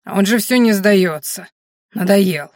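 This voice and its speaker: A woman's voice: mid-range voice, unhurried, a little mellow, dry recording, studio quality, lightly acted. A woman voicing a blunt, plain-spoken green orc warrior woman in an audiobook. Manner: gruff, plain-spoken, snorting.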